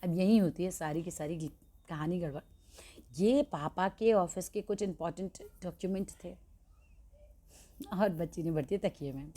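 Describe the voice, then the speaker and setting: A woman with an Indian accent teaching an English chapter, reading each line slowly and explaining it in Hindi. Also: on the low side, warm tone. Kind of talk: bilingual classroom lesson.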